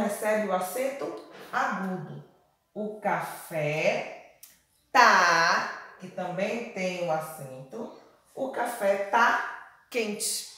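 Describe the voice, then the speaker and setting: A woman teaching young children, stretching out and repeating words in a slow, emphatic way. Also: medium pitch, a bit bright. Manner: slow, exaggerated pronunciation drilling words. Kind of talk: children's lesson. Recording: very echoey room.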